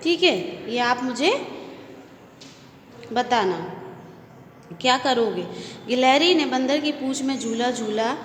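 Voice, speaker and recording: A woman's voice: sits high, expressive, slow, long pauses, a little hiss or hum. A woman teaching a school lesson, repeating herself and checking in with "okay?" after each point. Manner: repetitive, checks with "okay?", mixes in English words. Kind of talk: recorded Hindi class lesson. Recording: echoey room with long reverb.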